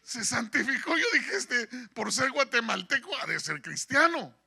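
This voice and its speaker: A man preaching a sermon as pastor, an animated storyteller who acts out quoted dialogue. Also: very high voice, moderate pace, creaky, husky. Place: church in San Diego.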